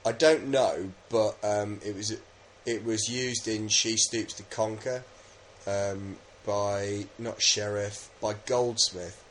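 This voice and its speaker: A man's voice: on the low side, steady tone, slow, a bit bright, a little hiss or hum. A man from England co-hosting a podcast in casual, rambling, jokey chat. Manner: jokey, rambling, with many fillers. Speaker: podcast co-host.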